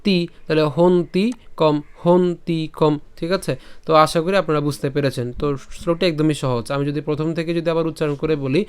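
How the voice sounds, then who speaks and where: A man leads a recitation lesson, chanting each verse slowly before taking it apart syllable by syllable and checking in with the listener. His voice is smooth and resonant and sits a little high for a man. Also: fairly even intonation. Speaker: scripture teacher.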